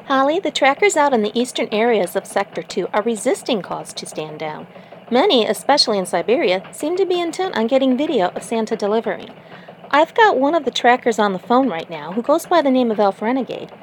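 A woman's voice: fairly high pitch, sing-song, a little fast, a little hiss or hum, poor audio. A woman playing an earnest elf field reporter in a mock radio newscast. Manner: newsy reporter delivery.

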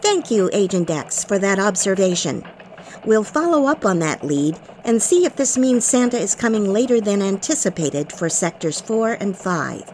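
A woman playing a female elf news anchor in a mock radio newscast, with crisp anchor delivery. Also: medium pitch, very animated, normal speed, darkish tone, a little hiss or hum, natural voice. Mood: poised, formal.

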